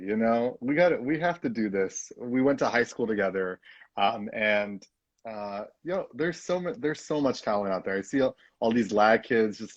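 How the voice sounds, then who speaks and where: A man's voice: mid-range voice, no room sound, dull audio. A young man hosting a live-stream showcase, talking casually and effusively with many fillers and restarts. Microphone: phone or computer mic.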